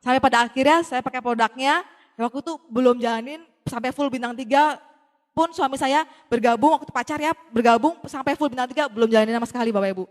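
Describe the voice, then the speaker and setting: Fast, high-voiced woman telling a story. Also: big-room sound. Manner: lively, acts out the dialogue as she tells it; addresses the audience often. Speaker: speaker giving a testimony. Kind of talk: storytelling talk to an audience.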